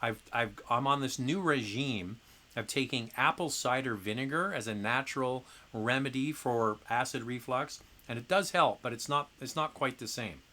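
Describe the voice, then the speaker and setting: A middle-aged man talks casually on a live car Q&A stream. His voice is bright and forceful. He rambles with plenty of fillers and restarts. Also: mid-range voice, moderate pace. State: occasional coughing from acid reflux.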